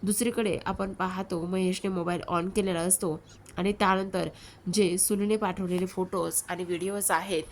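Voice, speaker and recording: A woman retelling the day's episode of a TV serial in a steady, casual storytelling way. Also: fairly low pitch, moderate pace, slight background noise. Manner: steady retelling, reads quoted lines in her own voice.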